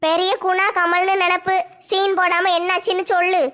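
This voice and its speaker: Woman, comedy skit, teasing, very high pitch, bright tone. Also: completely flat delivery, moderate pace. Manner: chatty, teasing. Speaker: comedy sketch creator.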